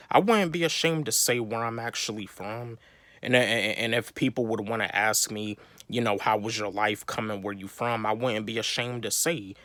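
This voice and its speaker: A man's voice: fairly low pitch, a bit bright, no echo. A young man from North Carolina, giving a rambling motivational talk to camera, full of repeats, fillers and restarts. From North Carolina, USA. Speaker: vlogger.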